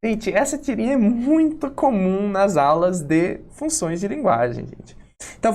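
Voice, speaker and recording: A woman teaching exam prep in a breezy, chummy way, calling her students young ones as she explains questions. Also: medium pitch. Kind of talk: casual classroom explanation.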